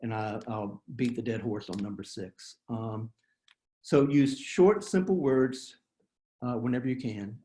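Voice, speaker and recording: A man's voice: medium pitch, unhurried, dark tone, echoey room. A man giving a writing workshop on a video call, plain-spoken and self-deprecating, with frequent fillers and restarts. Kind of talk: webinar presentation.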